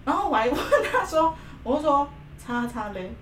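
A woman, co-hosting a casual podcast, giggling often while telling a story. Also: high voice. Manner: giggly, animated, fast storyteller. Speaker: podcast co-host. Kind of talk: casual chat among friends. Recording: echoey room, distant mic, faint noise.

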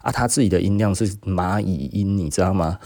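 Deep-voiced Taiwanese Mandarin man, chatty. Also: brisk, warm tone, no room sound, clean studio sound. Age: 40s. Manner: chatty, laughs often, acts out quotes. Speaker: podcast host and business owner. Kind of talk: casual storytelling monologue.

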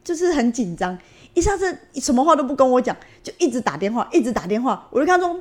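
A young woman with a Taiwanese Mandarin accent, co-hosting a casual podcast and telling a story in an animated way, acting out the dialogue. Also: sits high, fast talker. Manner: animated, acts out quoted dialogue. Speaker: podcast co-host.

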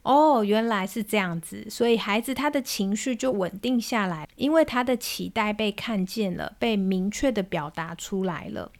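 A woman in her thirties with a Taiwanese Mandarin accent, hosting a parenting podcast and gently retelling a story with reflections. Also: medium pitch, normal speed, hardly any pauses.

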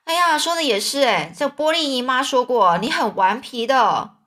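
Lady putting on a loud fussy aunt, high voice, over the top, storybook. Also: animated, normal speed. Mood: excited. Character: excitable fussing middle-aged aunt.

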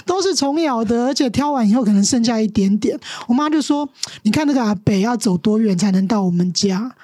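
A woman's voice: on the high side, expressive, a little fast, mellow, no room sound, studio quality. A middle-aged woman teacher with a Taiwanese Mandarin accent, earnestly telling stories as a podcast guest. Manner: earnest, acts out quoted dialogue. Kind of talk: storytelling interview.

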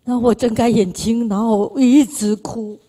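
Higher-voiced Taiwanese woman giving church testimony. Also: steady tone, normal speed, dark tone. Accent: Taiwanese Mandarin. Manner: emotional, repetitive storytelling, addresses audience. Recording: reverberant church hall.

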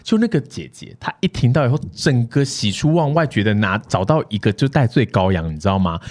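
Woman, Taiwanese Mandarin accent, podcast co-host, casual storytelling, quick talker. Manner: animated storyteller, swinging widely in pitch.

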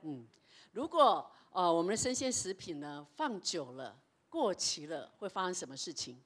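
Woman pastor preaching with lively storytelling. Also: on the low side, normal speed. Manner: storytelling preacher, lively shifts between loud and hushed. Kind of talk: sermon.

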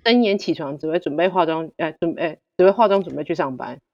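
A woman guest telling stories in casual chat, direct and animated, acting out the dialogue. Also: sits low, fast talker, long reverb tail, dull audio.

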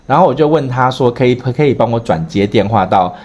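A man hosting a podcast, telling a story in casual chat, animated and rambling, with many restarts. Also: mid-range voice, brisk, muffled recording. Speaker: podcast host.

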